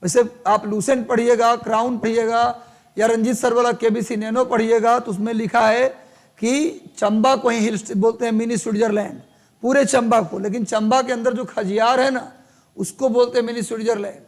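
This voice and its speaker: A man from Bihar leads a live online exam-prep lesson. His voice sits very high for a man. He dictates notes slowly, repeating each phrase, and drops chatty asides to his students. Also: fairly even intonation. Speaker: teacher.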